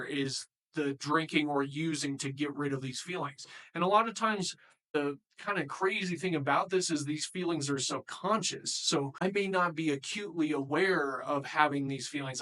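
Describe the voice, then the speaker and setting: A man with a somewhat high voice talks to viewers in an earnest, informal way and calls them "guys". He gives practical recovery advice as a coach and often circles back to repeat his points. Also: fairly bright tone, poor audio. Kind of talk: informal advice talk to camera.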